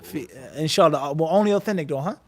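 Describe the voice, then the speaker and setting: This man speaks quickly in a slightly high voice as he teaches a live-streamed religious class at a mosque. His style is chatty question-and-answer, nudging students to complete his sentences while he weaves Arabic words into English.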